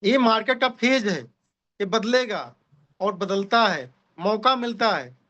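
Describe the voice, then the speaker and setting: Man, very high voice, bright and sharp, persuasive pitch, video call audio, dull lo-fi sound. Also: expressive, unhurried. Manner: persuasive, repeats "ठीक है ना", addresses listeners as साथियों. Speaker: speaker at an online meeting. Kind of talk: motivational crypto pitch.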